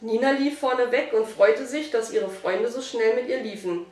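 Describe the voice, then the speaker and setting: A woman narrating a children's storybook aloud in a steady, even reading voice. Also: a little high, normal speed. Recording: roomy, distant mic.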